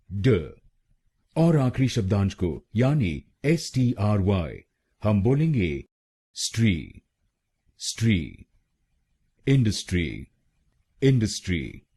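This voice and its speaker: Male tutor, low husky voice, lively intonation, measured delivery. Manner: slow, careful, repeats words twice. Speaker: pronunciation teacher. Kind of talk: instructional voice-over.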